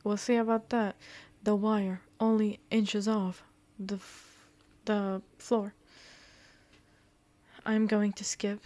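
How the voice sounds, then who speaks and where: Slow and somewhat dark in tone, this woman's medium-pitched voice shows little pitch movement. She's a game streamer reading a visual novel aloud during a walkthrough, stumbling on words and cutting in with blunt, playful commentary.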